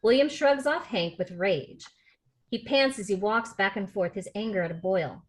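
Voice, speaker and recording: Reading the script's stage directions for a table read held on a video call, this woman stays even and factual. Her voice is medium in pitch and her pace moderate.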